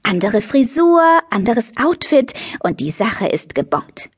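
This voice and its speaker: A woman's voice: fairly high pitch, very animated, a little slow, slightly rough, dry recording, studio quality, full character voice. Chirpy pushy teen girl, as a woman reads her. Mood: bubbly. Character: bubbly fashion-crazy teenage girl matchmaker. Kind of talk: audiobook character reading.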